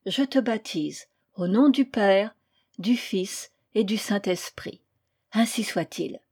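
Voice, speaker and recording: A woman reading the part of a flustered male priest who is stern with his pupils, in a mellow voice with commanding, agitated delivery. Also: medium pitch, slow, slightly rough. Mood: solemn.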